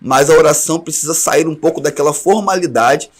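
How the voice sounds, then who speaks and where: Brisk higher-voiced Brazilian man teaching. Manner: earnest advice, speaks straight to listeners. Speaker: teacher trainer. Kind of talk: online class talk.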